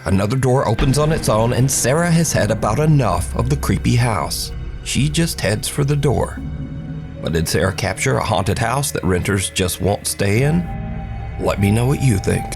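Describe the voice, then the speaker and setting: A man's voice: mid-range voice, gravelly. A man hosting a video countdown, narrating clips in a dramatic, playful storytelling way. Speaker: host narrating viral videos. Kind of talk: scripted narration. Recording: background music.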